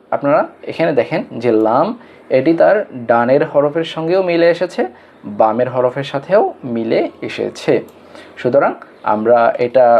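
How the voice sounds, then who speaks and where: Male Quran teacher with a Bangladeshi Bengali accent, mid-pitched, patient and methodical, long drawn-out letter names, slightly muffled recording. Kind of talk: online lesson on Arabic letters.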